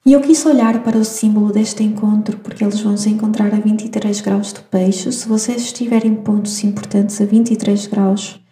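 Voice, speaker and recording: A woman with a European Portuguese accent giving a slow, reflective spiritual astrology talk. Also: mid-range voice, steady tone, dark tone. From Madeira, Portugal. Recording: echoey room.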